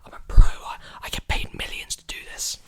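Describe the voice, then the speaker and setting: In an ASMR roleplay as a robot repair technician, a young adult man whispers soothing, breathy repeated phrases fairly quickly into a large desktop condenser mic right up close. He's in a small room indoors, clothes hanging behind him.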